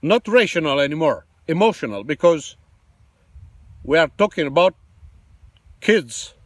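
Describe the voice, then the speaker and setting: A man with a Romanian accent, giving emotional political commentary, halting and full of fillers. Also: a little high, sing-song, a bit bright, no room sound. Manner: impassioned, halting, many fillers and restarts.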